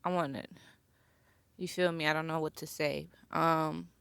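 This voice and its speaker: A young woman hosting her own podcast, talking slowly and reflectively in a personal, heartfelt monologue and pausing to search for words. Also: low voice, flat delivery, creaky, fairly bright tone, clear, resonant tone, no room sound. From born near Chicago, raised near Atlanta. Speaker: podcast host.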